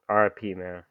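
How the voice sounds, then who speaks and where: Low-voiced man reacting with slangy asides. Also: a bit bright, clean tone, dry recording. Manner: reads story aloud, then breaks off into slangy asides. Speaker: reaction video host. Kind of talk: casual reaction commentary.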